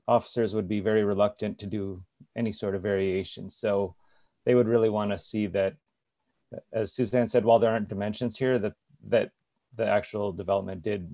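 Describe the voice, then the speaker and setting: A man's voice: on the low side, gravelly, dark tone, dry recording, muffled recording. A man city official adding explanation in a council meeting, hesitant with many fillers, on a video call.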